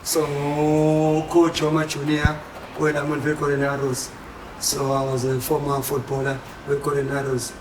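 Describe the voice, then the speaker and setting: A man's voice: on the high side, monotone, normal speed. A South African man, a junior football coach and former player, introducing himself in an easygoing way. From Inanda, South Africa. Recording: echoey room with clear noise.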